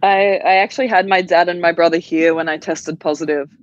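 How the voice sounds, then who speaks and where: A woman's voice: lowish voice, fairly even intonation, fairly quick, no room sound, highs cut off. A young woman, a college athlete, talking easily as a podcast guest with lots of ums. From Australia. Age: young adult. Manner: easygoing, many ums and likes. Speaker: guest, college basketball player. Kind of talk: casual interview chat.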